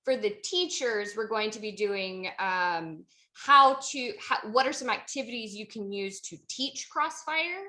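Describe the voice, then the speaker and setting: Bright upbeat woman moderator. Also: medium pitch, lively intonation, a little slow. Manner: upbeat, candid, self-mocking. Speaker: workshop moderator. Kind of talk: moderating a workshop.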